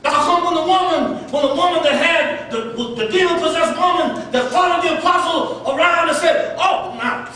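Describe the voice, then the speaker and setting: A man preaches with a strikingly high, bright voice, pushing his phrases up into shouts. He sounds far from the mic in a very echoey church sanctuary. A faint hiss sits under the live-stream recording. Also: a little fast, hardly any pauses. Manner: fervent, repeating phrases, rising to shouts. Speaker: pastor. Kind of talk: preaching sermon.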